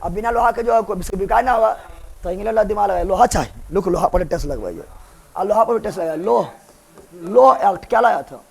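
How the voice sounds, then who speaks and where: A man with a Bihari accent teaching a live exam-prep history class, animated, often repeating questions and acting out quotes in rustic dialect. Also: high-pitched, quick pace, vocal fry. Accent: Bihari Hindi.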